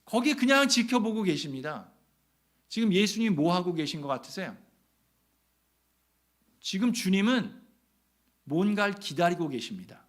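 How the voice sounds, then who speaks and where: High-voiced man preaching dramatically. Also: big pitch swings, normal speed, long pauses. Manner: dramatic storytelling, rhetorical questions, swings from loud to hushed. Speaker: pastor. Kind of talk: revival sermon. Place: church sanctuary.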